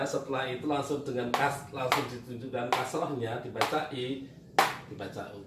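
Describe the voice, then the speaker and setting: A man teaching Quran reading at a board, patiently asking questions and answering them himself. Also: medium pitch. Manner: patient, repetitive, asks and answers his own questions. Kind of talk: whiteboard reading lesson. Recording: echoey room, distant mic, faint noise.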